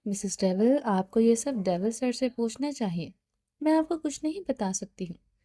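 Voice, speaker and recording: A woman's voice: on the high side, lively intonation, dark tone. A woman reading the part of a scared, evasive young woman who pleads and refuses to answer.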